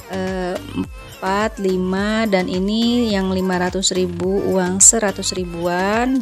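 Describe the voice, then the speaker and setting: A woman talks through a home vlog as a relaxed voice-over. She chats to her viewers like friends, filling her sentences with little fillers, at an ordinary middle pitch. Soft music plays faintly underneath. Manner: chatty, addresses viewers as friends, frequent fillers. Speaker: vlogger. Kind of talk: casual voice-over narration.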